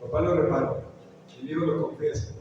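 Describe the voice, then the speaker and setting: A man's voice: fairly high pitch, steady tone, fairly quick, a little mellow, dull audio, a little hiss or hum. A man preaching a sermon as pastor, telling a story and putting questions to the congregation. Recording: echoey hall, picked up from far off.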